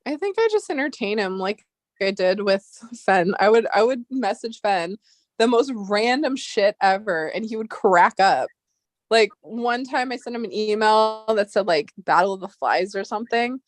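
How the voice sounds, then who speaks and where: A woman's voice: mid-range voice, lively intonation, normal speed, dry recording. A woman hosting a casual chat, talking freely, laughing often and poking fun at herself. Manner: chatty, laughs often, self-deprecating. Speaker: host.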